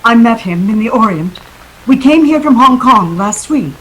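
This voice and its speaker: A woman's voice: on the high side, animated, moderate pace, a bit bright, a little hiss or hum, rough recording. An actress playing a slyly helpless femme fatale client in a 1940s-style radio melodrama, hesitant and dramatic, with a throb in her voice. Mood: grave, fearful.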